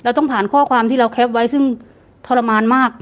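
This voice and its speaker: Woman talking quick and a bit high, grieving mom in an interview, keeps repeating herself. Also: fairly even intonation. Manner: rapid, earnest, repeats words when upset. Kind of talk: emotional interview testimony.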